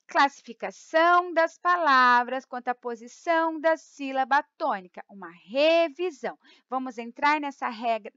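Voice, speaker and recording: Brazilian woman teacher, high and animated, dry lo-fi sound, drills rules patiently. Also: clean tone, dry recording. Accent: Brazilian Portuguese. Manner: explains slowly, repeats rules, stretches key words; keeps checking in with "tá?" and "ó". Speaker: Portuguese teacher. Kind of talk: grammar lesson.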